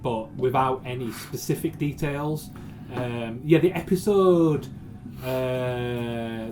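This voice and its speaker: A man runs a tabletop game session as its game master. He narrates in a loose, meandering way and often stops to hunt for the next word. His voice sits at an ordinary pitch for a man. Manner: meandering, searches for words often.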